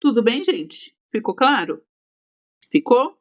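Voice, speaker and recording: A woman teaches an exam-prep class in a slightly high voice. She explains each point step by step and keeps checking in with quick questions to her students. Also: sing-song.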